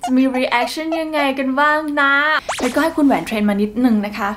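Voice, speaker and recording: A woman's voice: high-pitched, moderate pace, fairly bright tone, a little hiss or hum. A young woman in her twenties hosting a casual vlog, chatty and playful, laughing often. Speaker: vlog host.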